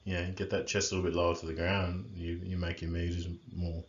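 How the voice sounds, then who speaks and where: Low-pitched man, rugby coach, rambling casual chat, echoey room, muffled sound. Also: fairly quick. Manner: relaxed, rambling, many fillers. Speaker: rugby coach and podcast co-host.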